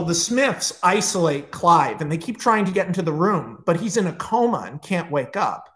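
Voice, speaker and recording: Excitable, profane storytelling man. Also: sits high. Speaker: host retelling a film pitch. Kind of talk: casual storytelling.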